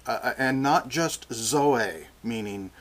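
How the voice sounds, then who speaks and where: An older man preaching a sermon, slow and deliberate, often restarting his phrases. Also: medium pitch.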